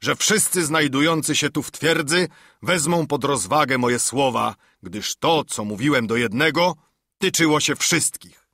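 A man's voice: medium pitch, normal speed, sharp tone, no room sound, clean studio sound. A man voicing a scheming, menacing older one-legged pirate captain in a storybook reading, who speaks with swagger and threats. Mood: threatening.

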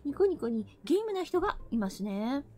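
A woman from the American South giving a casual live-streamed English lesson, playful and breaking into mock-angry rough slang. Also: high voice, very animated, fairly quick, warm tone.

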